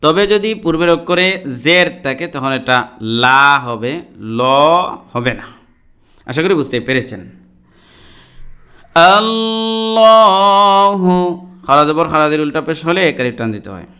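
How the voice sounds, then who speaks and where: A man's voice: fairly high pitch, animated, a little fast, pushed and bright, clear, resonant tone. A man teaching Quran reading, spelling out letters and vowel marks syllable by syllable, chanting words drawn out, and turning to the viewers to explain. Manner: addresses viewers directly in explanations. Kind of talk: slow spelled-out recitation lesson.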